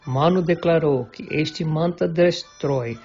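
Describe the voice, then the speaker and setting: A man reads a devotional text aloud in a slow, measured way. His somewhat raised voice has a husky edge. The recording sounds dull and lo-fi, with faint music underneath. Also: a little high, darkish tone. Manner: measured, deliberate reading. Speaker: reader of a devotional book. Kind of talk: slow scripted reading of a religious text.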